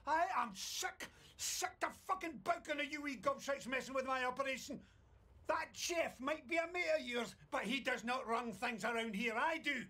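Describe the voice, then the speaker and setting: An actor playing a bullying older Scottish oil rig boss in a video game, sneering, menacing and explosive. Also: male voice, high voice, very animated, normal speed, long pauses, fairly bright tone, slightly rough, full character voice. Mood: furious.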